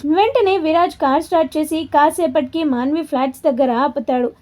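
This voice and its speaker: Woman, story narrator, high voice, mellow tone, even delivery. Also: brisk.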